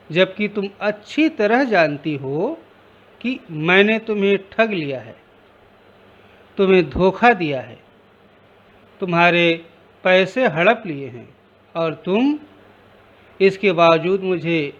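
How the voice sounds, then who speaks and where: A man acting out a furious house master in a read-aloud story, his voice high-pitched and nearly shouting. He sputters and trembles with agitation. The sound is a bit muffled and lo-fi. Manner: agitated, raised voice, sputtering with anger. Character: stern, angry male master of a house.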